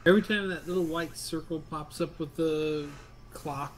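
Streaming from his home computer, a man keeps up a halting, muttered running commentary while his video call freezes again and again, mildly frustrated and swearing now and then. His voice is fairly high with fairly even intonation, and there's a little hiss or hum. It's casual live-stream chat.

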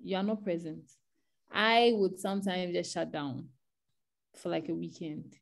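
A woman with a lowish voice and a gravelly edge speaks as a panel guest. She gives earnest advice and often starts her sentences over. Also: measured pace. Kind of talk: online panel discussion.

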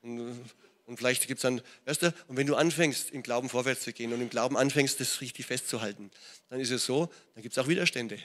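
A man's voice: medium pitch, brisk, fairly bright tone. A middle-aged man with a German accent, preaching a sermon in a church and often checking in with his listeners. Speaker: pastor. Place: church hall.

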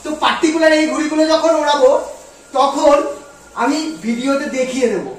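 A man vlogging in a loud, eager voice, with his words booming in a heavy room echo. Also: brisk, a little hiss or hum. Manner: talks very loudly, eager and excited. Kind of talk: casual vlog talk to camera. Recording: very echoey room, voice from a distance.

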